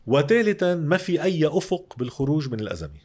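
A man's voice: fairly high pitch, sing-song, fast, darkish tone. A man with a Lebanese Arabic accent explaining economic matters emphatically as an interview guest, often posing rhetorical questions.

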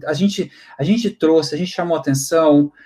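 A man's voice: a little high, normal speed, dark tone. A man, co-hosting a live stream in a chatty way and often checking "entendeu?". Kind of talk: casual live chat.

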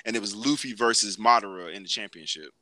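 A man hosting a laid-back show, talking in a slangy, rambling way and often restarting his sentences. His voice is very bright and sharp, and it is recorded close and dry. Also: fairly low pitch, quick pace, dry recording. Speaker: podcast host. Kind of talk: casual chat.

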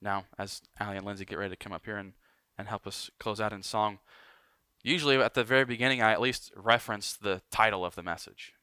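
A man preaching a sermon as pastor, emphatic and building, then dropping to quiet lines for weight. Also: fairly low pitch, steady tone, fast talker, smooth, no echo, clean studio sound.

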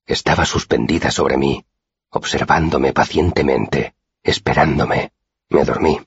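Very deep husky male audiobook narrator. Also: no room sound. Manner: steady, measured first-person storytelling. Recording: dull lo-fi dry recording.

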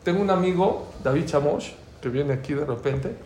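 Mexican guy teaching a torah class, kinda high voice, echoey room w/ a bit of noise. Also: moderate pace. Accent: Mexican Spanish. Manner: lively storyteller, acts out dialogue. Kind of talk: informal religious class talk with anecdotes.

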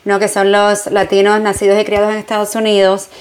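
Speaking Spanish with a Puerto Rican accent, this guest, a journalist and entrepreneur from Puerto Rico, reflects conversationally on interview questions, using many fillers and slipping into English phrases. Her mid-range voice is completely flat and a little fast.

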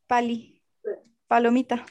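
A woman's voice: a little high, completely flat delivery, slow, darkish tone. Playful Chilean woman reading messages. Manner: playful, laughing, reads messages aloud. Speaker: podcast co-host. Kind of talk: casual chat and reading listener messages.

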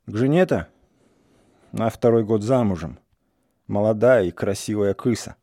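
A restless young village man, bitter and mocking, his talk rising into heated outbursts, as a male reader puts him on. The voice is low and mellow. It is recorded dry and close. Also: normal speed, dry recording.

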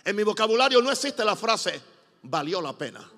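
A man from Puerto Rico with a Puerto Rican accent, preaching a sermon in a church with emphatic loud bursts and joking asides. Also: high-pitched, very animated, moderate pace. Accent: Puerto Rican Spanish. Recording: long hall reverb, faint music.

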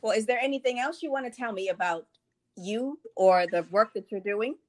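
A woman's voice: a little high, a little fast. A woman conducting a conversational interview, asking plain questions and follow-ups in an inquisitive way.

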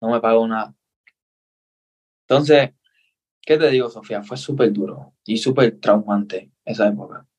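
A man's voice: lowish voice, normal speed, long pauses, breathy edge. A young man from Cuba with a Cuban Spanish accent, a guest in a casual interview, telling his story earnestly and acting out the voices of the people in it. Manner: earnest, animated storyteller, acts out dialogue.

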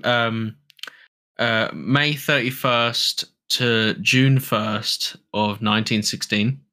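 A young British man from Britain co-hosting a casual history podcast, joking around and reading out facts a little haltingly. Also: lowish voice, fairly even intonation, bright, forceful tone. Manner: jokey, laughs often, reads facts haltingly. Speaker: co-host.

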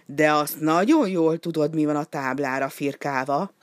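A woman's voice: sits low, no echo, studio quality, close to an everyday voice. A woman voicing an older ice-cream-shop lady who scolds shrilly and gets upset easily. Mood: furious.

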